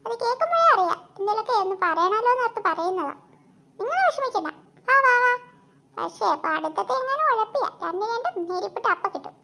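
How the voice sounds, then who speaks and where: A woman voicing a bold, protective mother of two schoolgirls in a cartoon, talking in a forceful, scolding way. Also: very high-pitched, sing-song, fast talker, vocal fry, a little hiss or hum, heavily acted. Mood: reassuring.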